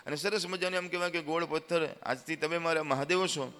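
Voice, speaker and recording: Bright-voiced man telling a devotional story. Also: fairly high pitch, quick pace, clear, resonant tone, big-room sound, soft background music. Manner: animated storytelling, lively acted quotes. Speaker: religious storyteller.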